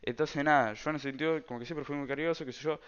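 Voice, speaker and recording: A man's voice: on the high side, fairly even intonation, rapid-fire, a bit bright, clean tone, muffled recording. A man with an Argentine Rioplatense accent telling a personal story in a casual, rambling way, full of slang and fillers. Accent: Argentine Rioplatense Spanish. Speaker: storyteller vlogger.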